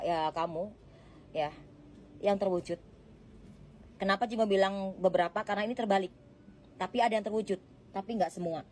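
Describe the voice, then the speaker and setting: Chatty woman reading tarot cards. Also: mid-range voice. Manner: gentle, chatty, addresses the viewer directly, laughs often. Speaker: tarot card reader. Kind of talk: casual tarot reading monologue.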